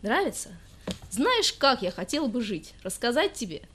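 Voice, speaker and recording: A tipsy young male poet, pompous and self-pitying, whining in slow, stretched-out complaints, as a woman narrator puts him on. He sounds louder and a touch higher than the reader's plain voice, for an audiobook story. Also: very animated, slight background noise. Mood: pompous sulking. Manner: whiny, loud, drawn-out self-important rants.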